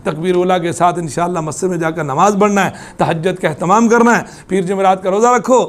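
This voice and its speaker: A man leads a religious lesson. He keeps asking the class questions and answers them himself. He chants the scripture verses in a slow, drawn-out way. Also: high voice. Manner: quizzes the class with repeated questions; chants Quranic verses slowly. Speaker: Quran teacher.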